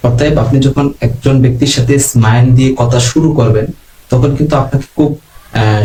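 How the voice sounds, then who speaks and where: A man from Bangladesh teaches communication skills in an online class, giving numbered tips one after another in a calm, measured manner. His voice is mid-range, and the recording has a roomy echo.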